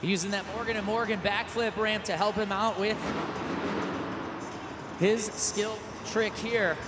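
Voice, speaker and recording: Male sports commentator, very high pitched, hyped shouting play-by-play, echoey stadium sound. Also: steady tone, measured pace. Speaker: event commentator announcer. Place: large stadium event. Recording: echoey stadium PA, loud engine noise.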